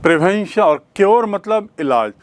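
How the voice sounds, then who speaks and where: A man's voice: high voice, lively intonation, no room sound. A man with an Indian English accent teaching a grammar lesson, asking questions and answering them himself. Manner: explains slowly, asks and answers his own questions.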